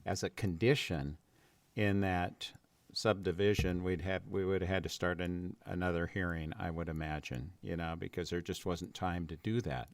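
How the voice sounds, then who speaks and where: A man on a city council asking questions at a work session, deliberate and rambling, repeating words as he goes. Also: sits low, fairly even intonation, dry recording. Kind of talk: council meeting discussion.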